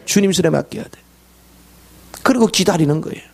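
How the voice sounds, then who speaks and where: A man's voice: sits high, fairly quick, creaky, darkish tone, breathy edge. A man preaching a sermon, acting out quoted voices and at times dropping to a whisper for emphasis.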